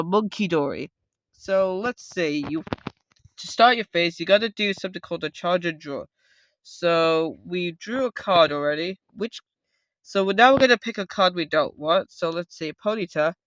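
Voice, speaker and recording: Hosting a card game tutorial, a man explains things casually and off the cuff in a high, smooth voice. He's loud and rambling, often correcting himself. The recording is close and dry with no echo, but dull and lo-fi.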